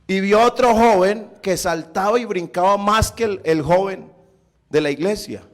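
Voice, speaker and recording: A male pastor preaching a sermon, telling a story with animated delivery. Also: sits high, normal speed.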